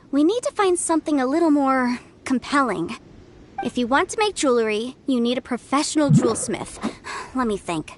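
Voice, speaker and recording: An actress voicing a clever, confident young legal advisor in a video game, with a crisp and lightly amused manner. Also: female voice, high-pitched, slight background noise.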